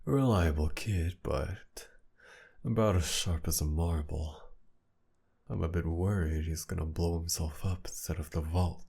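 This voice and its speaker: For an ASMR audio drama, a male actor is wanted to play a flirty villain captor in full character voice. The voice should be low, gravelly, husky and breathy, with a dark, mellow tone and a smug, dry mood. Delivery is possessive and teasing, a slow drawl that often drops to a whisper in intimate roleplay.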